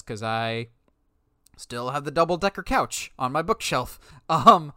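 A man's voice: on the high side, clean tone, no room sound, studio quality. A young man animatedly telling stories in a casual podcast chat. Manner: animated, excitable storyteller. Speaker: podcast co-host.

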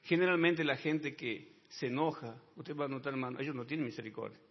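A man preaching a sermon who keeps calling his listeners brother and adding amen, dropping to quiet asides and rising to loud shouts. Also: a little fast, slightly rough. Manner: addresses listeners as brother, tags lines with amen; swings between low quiet asides and loud high shouting. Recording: dull sound with long reverb in a large hall.

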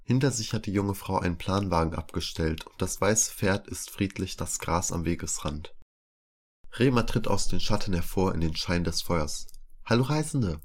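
Deep-voiced guy reading a fantasy story, even storytelling tone. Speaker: narrator. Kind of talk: scripted fantasy narration.

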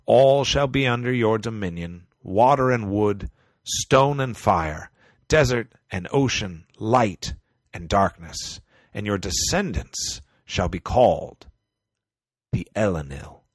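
An ancient male wizard of supreme power voiced by a male narrator declares his decrees in a slow, solemn boom. The voice swells well above an ordinary speaking level and sounds lower and fuller than plain talk. It is recorded dry, with no room echo. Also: animated. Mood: proclaiming. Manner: booming proclamations, slow and solemn. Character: all-powerful ancient male wizard lord, commanding and grand.

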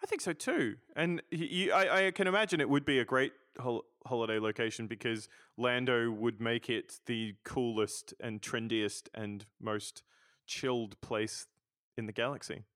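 A man's voice: mid-range voice, normal speed, fairly bright tone, no echo, studio quality. Stammering man hosting a podcast. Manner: stammering, repeats words often. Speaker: podcast host. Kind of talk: casual interview chat.

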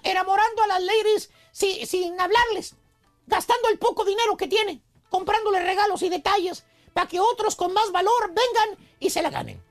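A man's voice: very high voice, expressive, moderate pace, soft background music. A Mexican man hosting a comic radio show, scolding and teasing his sidekicks in mocking rants.

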